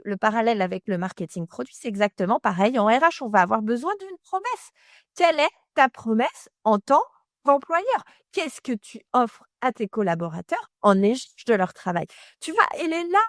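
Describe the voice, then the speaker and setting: Brisk, chatty French woman explaining. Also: fairly high pitch, fairly bright tone, dry recording, studio quality. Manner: direct, casual, many fillers, addresses listener as "tu". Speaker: HR and employer branding consultant. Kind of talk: casual expert explainer.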